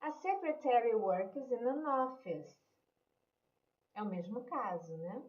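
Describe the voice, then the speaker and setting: A woman's voice: a little high, lively intonation, takes it slowly, echoey room, highs cut off. A woman English teacher with a Brazilian Portuguese accent, patiently explaining an online lesson and checking in with "né?" and "ok?".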